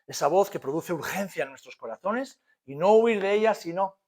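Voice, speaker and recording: A middle-aged man with a Spanish accent preaching a sermon to his congregation, swinging between loud emphasis and soft hushed moments and tossing out rhetorical questions. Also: high-pitched, animated, normal speed. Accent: Spain. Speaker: pastor. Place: church hall.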